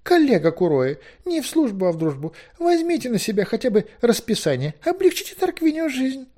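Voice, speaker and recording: A man reading an audiobook, voicing an old, absent-minded and fussy male wizard in a high, fluttery tone that rambles and hesitates. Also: huge pitch swings, dark tone, exaggerated voice. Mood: flustered. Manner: rambling, hesitant, with drawn-out words. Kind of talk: audiobook character voice.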